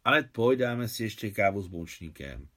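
A man reading as a gentle wealthy woman. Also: fairly low pitch, very animated. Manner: soft, measured.

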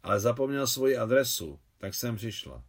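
A man's voice: mid-range voice, big pitch swings. A man reading an audiobook, voicing a shy, timid young woman who speaks hesitantly.

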